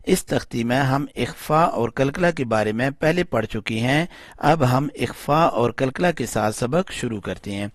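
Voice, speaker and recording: A man with a Pakistani Urdu accent teaching Quran reading, spelling out letters and vowel marks and slowly blending them into words. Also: mid-range voice, expressive, no room sound, clean studio sound. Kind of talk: slow syllable-by-syllable recitation lesson.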